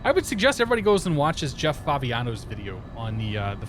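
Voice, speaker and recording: A livestreamer flies a flight simulator while giving casual commentary over headset audio, calling out viewers by name. He talks fast in a medium-pitched, slightly bright voice with huge swings in pitch, and there is slight background noise.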